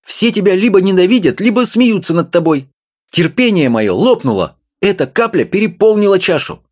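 A man reading an audiobook and voicing a small, excitable older woman who scolds in a shrill voice. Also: moderate pace. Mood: indignant scolding.

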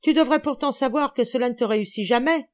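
A woman reading an audiobook, voicing an elderly, gouty male amateur detective who is excited, teasing and lecturing. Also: mid-range voice, moderate pace, close to an everyday voice. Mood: eager.

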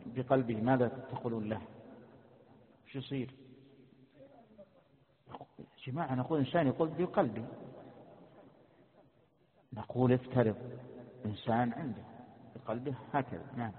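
A sheikh teaching a creed class, quizzing his students and repeating his questions in a mix of colloquial and formal speech. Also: mid-range voice. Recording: tinny phone-like lecture recording in a reverberant hall.

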